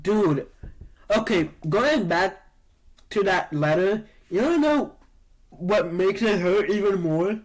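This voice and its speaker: A man's voice: high voice, slow, rough recording. Sniffly man co-hosting a podcast. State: sniffly from allergies. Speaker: podcast co-host. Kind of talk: casual chat.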